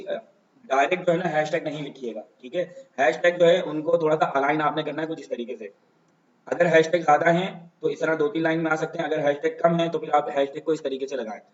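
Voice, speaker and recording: A man giving a casual screen-share tutorial on social media marketing, talking conversationally and often checking in with his listeners. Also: fairly high pitch. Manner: conversational, keeps saying "theek hai". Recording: roomy, dull lo-fi home recording.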